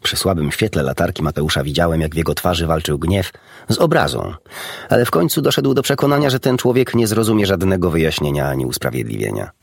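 Man, audiobook narrator, very low voice, husky, dry close sound. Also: expressive, fast, dry recording. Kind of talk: scripted storybook narration.

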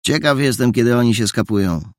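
A man's voice: mid-range voice, expressive, brisk, no room sound, clean studio sound, voice pushed up, close to an everyday voice. A man voicing a cheerful young man who calls out in a raised, carefree voice. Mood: calling out.

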